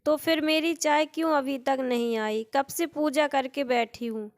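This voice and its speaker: A woman voicing a sharp-tongued old mother-in-law who nags and complains, in a storybook tale. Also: high voice, measured pace. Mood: scolding. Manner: scolding, complaining.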